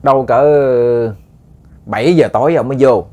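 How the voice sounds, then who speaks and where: A man's voice: medium pitch, unhurried, a little mellow. A man with a Southern Vietnamese accent telling a ghost story to listeners, casual and chatty with many repeated words.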